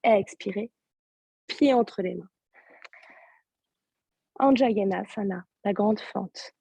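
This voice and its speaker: A husky, mellow-voiced woman leads a yoga class over a video call, her throat a little sore. She speaks softly and calmly, cueing each movement and breath step by step. The sound is close and dry. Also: medium pitch, slow pace, dry recording. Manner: soft-spoken, calm step-by-step cues. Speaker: yoga teacher. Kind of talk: guided yoga class instruction.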